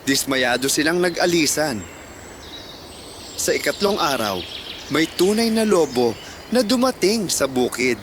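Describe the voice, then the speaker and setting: A storyteller giving expressive scripted narration of children's moral stories. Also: medium pitch, measured pace, pauses often, background noise. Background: background music.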